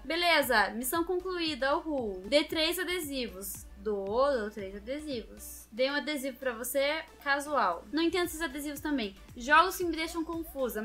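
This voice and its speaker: Bright high-voiced young woman gamer. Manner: chatty, talks straight to viewers. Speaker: gaming channel host. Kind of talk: casual gameplay commentary.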